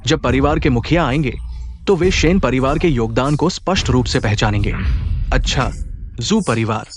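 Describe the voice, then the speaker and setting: A man's voice: mid-range voice, animated, moderate pace, background noise, close to an everyday voice. A man voicing a vengeful, powerful middle-aged father who commands his men coldly, in a dubbed drama. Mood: menacing. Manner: cold, menacing, commanding.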